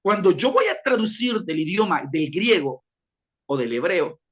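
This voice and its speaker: A man's voice: high-pitched, sing-song, unhurried, dull audio. A man teaching a class, explaining by repeating his examples and speaking straight to his listeners. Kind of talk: classroom lecture.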